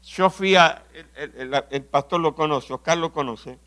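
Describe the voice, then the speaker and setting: A man from Argentina with an Argentine accent preaching a sermon, telling stories, asking rhetorical questions and often clearing his throat. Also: fairly high pitch, measured pace, pushed and bright. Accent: Argentine Spanish. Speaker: pastor.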